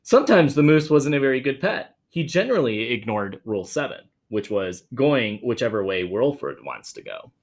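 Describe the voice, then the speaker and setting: Reading a picture book aloud to kids, this teacher or school staffer dramatizes the story and speaks straight to his young audience in chatty asides. His medium-pitched voice moves at a normal speed with hardly any pauses.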